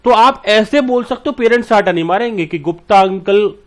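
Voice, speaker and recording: Fatherly male teacher, slightly high voice. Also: brisk. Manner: talks to students fondly and checks they follow; explains with everyday examples and acted-out lines. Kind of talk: classroom lecture.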